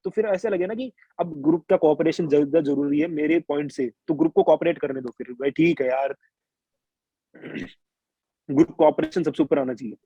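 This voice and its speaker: A young adult man from India, interviewed about his exams, tells his experiences in a chatty, colloquial way full of restarts and quoted asides. His voice is on the high side, warm and slightly breathy, at normal speed. The recording is dry and muffled.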